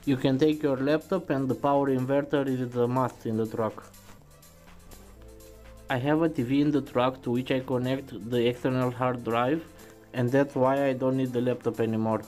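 A man who drives trucks for a living narrates a scripted voice-over, listing item after item in a plain, steady way. His pitch sits in the ordinary middle range for a man. Soft music plays faintly behind him. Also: moderate pace, poor audio.

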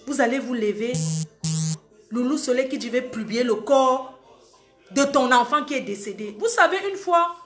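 Emphatic high-voiced woman scolding followers. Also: normal speed, echoey room, faint music behind. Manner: scolding, emphatic, repeats warnings. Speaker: social media live host. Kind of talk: heated live-stream monologue.

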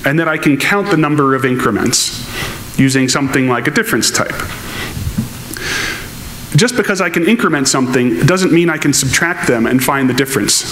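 A keynote speaker at a technical conference talks fairly quickly in an expressive, medium-pitched voice with a touch of brightness. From the stage of a large lecture hall, he fields audience questions with careful explanations. The audio is echoey, with slight noise.

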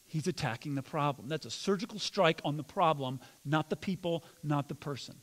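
Pastor, male, high voice, conversational sermon to a congregation; long church reverb. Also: brisk. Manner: addresses congregation with questions and mock yelling. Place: church sanctuary.

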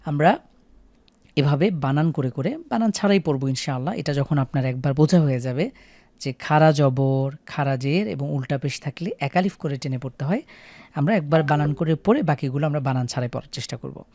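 A man's voice: a little high, brisk, a little mellow, no echo. A man with a Bangladeshi Bengali accent teaching a Quran recitation class, patiently repeating questions and drilling syllables.

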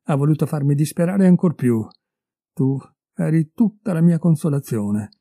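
A furious, betrayed middle-aged husband, put on by a male reader hurls accusations at his wife and her lover. His voice climbs with anger over a very dark, mellow base. The storybook recording is dry and close. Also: fairly high pitch, lively intonation, normal speed, breathy edge, no echo. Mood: furious, accusing. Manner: raised, heated and accusing.

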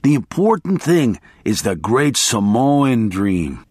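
A man voicing a manic, excitable male attorney who shouts and raves, in an audiobook reading. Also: medium pitch, slow, husky, no room sound, studio quality, full character voice. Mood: scheming. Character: manic adult male attorney, frantic and raving.

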